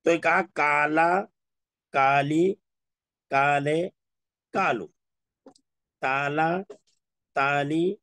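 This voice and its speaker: A man teaching an Urdu class, going through word lists slowly and repeating each word. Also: fairly high pitch, steady tone, a bit bright, smooth, no room sound. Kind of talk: classroom lesson.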